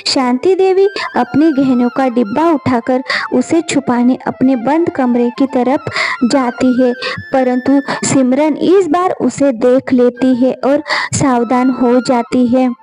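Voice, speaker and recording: A woman reads a moral storybook tale aloud as narrator. Her voice is high-pitched yet mellow in tone, and she takes her time with each line. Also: slow, soft background music, rough recording.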